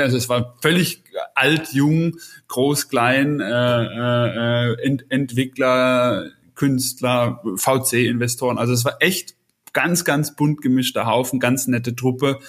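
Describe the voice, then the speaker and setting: A man's voice: mid-range voice, steady tone, takes it slowly, a bit bright. Male podcast co-host, casual and rambling, mid-range voice. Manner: chatty, many fillers and restarts. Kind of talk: casual chat.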